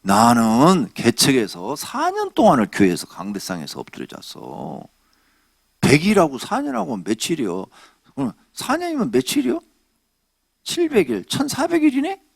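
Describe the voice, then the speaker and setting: A male pastor preaching a Friday night sermon in a church. He is emphatic, quizzes the congregation, and swings between loud exhorting and hushed asides. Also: fairly high pitch, huge pitch swings, normal speed, creaky, husky, no echo, clean studio sound. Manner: asks the congregation questions. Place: church sanctuary.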